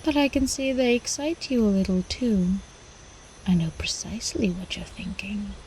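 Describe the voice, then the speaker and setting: In an intimate ASMR roleplay, a woman plays an ancient, seductive vampire countess, teasing and cooing with quiet menace and often dropping into whispers. Her mid-range natural voice moves at normal speed with a slight hiss or hum, sounding hungry and amused, though the audio quality is poor.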